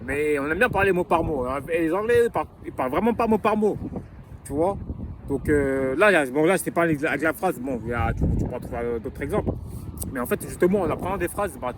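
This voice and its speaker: A young man from France casually talking in a vlog, rambling with street slang and lots of restarts, recorded outdoors in wind. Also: on the high side. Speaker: vlogger sharing English-learning tips.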